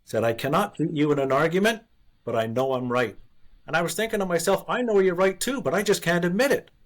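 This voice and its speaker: A Canadian man in his sixties, a former investor and author, is being interviewed as a guest. His slightly high voice is quick with lively intonation, and he tells his story candidly and earnestly, restarting sentences and laughing at himself.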